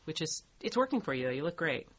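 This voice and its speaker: A woman's voice: sits low, very animated, fast, fairly bright tone, a little hiss or hum. A woman co-hosting a podcast, chatting casually and enthusiastically in an agreeable, conversational interviewing manner. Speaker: podcast co-host.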